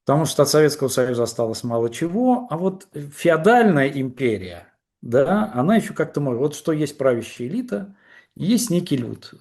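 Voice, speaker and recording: Making his argument as a guest in a political discussion, a man stumbles along with frequent fillers and false starts. He has a fairly high, sing-song and slightly mellow voice.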